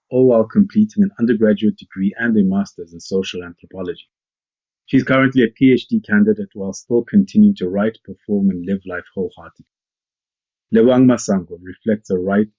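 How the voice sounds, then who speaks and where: A man's voice: fairly low pitch, warm tone, no echo. A man hosting a podcast, introducing his guest and asking thoughtful, hedging questions. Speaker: podcast host. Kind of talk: interview questions and scripted intro. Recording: dull, lo-fi and dry.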